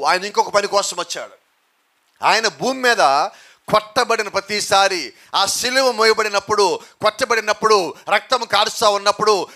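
A man's voice: sits high, pushed and bright. A man preaching a sermon, asking rhetorical questions and answering them himself, with emphatic repetition and cries of hallelujah and amen.

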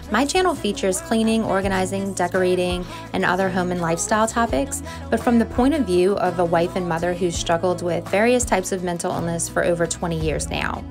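Speaking a little fast with hardly any pauses, this middle-aged American woman has a lowish voice. As a home and cleaning vlogger, she offers warm, encouraging narration in a confiding tone, recorded in her home closet over background music.

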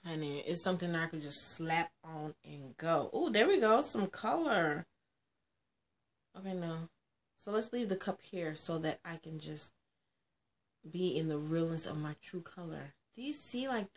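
Sassy, playful young woman vlogger. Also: lowish voice. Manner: sassy, playful, laughs often, talks straight to viewers. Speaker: beauty vlogger. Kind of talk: casual chatty vlog.

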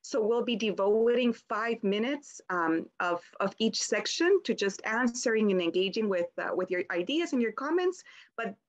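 Halting young woman moderating a video call. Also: a little high, lively intonation. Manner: friendly, halting, many ums and restarts. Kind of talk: panel discussion on a video call. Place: indoors at home, plain wall.

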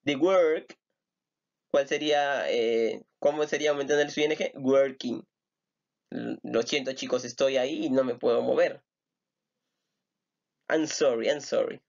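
Slow, patient male English teacher. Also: medium pitch, creaky, a little mellow, muffled recording. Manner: patient, repeats words, asks rhetorical questions. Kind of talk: recorded online grammar lesson.

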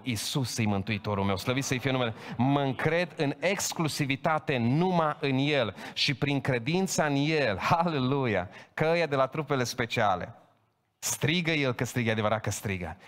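A man preaching a Pentecostal sermon, emphatic and building to loud proclaiming. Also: medium pitch. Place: church hall. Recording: long hall reverb.

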